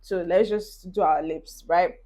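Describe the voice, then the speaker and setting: A Nigerian-accented beauty vlogger in her twenties chats to her phone camera in a casual get-ready-with-me video, encouraging viewers as she does her makeup. Her voice sits fairly low and stays steady, mellow and unhurried.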